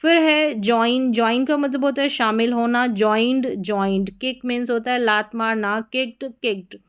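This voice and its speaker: A woman teaching English verb forms, reading word lists in a steady, drilled rhythm. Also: fairly high pitch, moderate pace, clean tone, highs cut off. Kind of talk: vocabulary lesson recitation.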